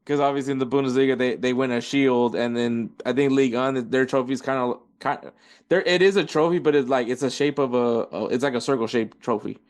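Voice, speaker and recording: A man's voice: medium pitch, fairly even intonation, a little fast. Chatty male football podcast host. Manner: rambling, self-correcting, reads out stats. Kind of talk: casual football podcast talk.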